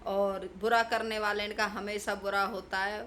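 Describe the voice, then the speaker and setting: A woman YouTuber in mid-rant, her voice at an ordinary middle pitch. She scolds and lectures in a confrontational, preachy tone, with a faint hum of room ambience behind her. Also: level tone, measured pace, a bit bright. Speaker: YouTube vlogger. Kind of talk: ranting commentary to camera.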